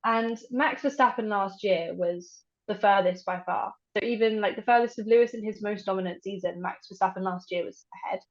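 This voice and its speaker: A woman's voice: mid-range voice, a little fast, few pauses. A young woman co-hosting a podcast in casual chat. She hedges a lot and uses many fillers. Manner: chatty, hedging, many fillers. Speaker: podcast co-host. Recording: dull lo-fi audio.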